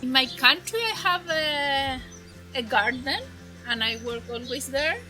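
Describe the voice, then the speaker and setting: A woman who works on a farm, speaking slowly and simply in a language that is not her first, in a documentary interview. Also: high voice, pushed and bright, faint music behind, rough recording. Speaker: farm worker.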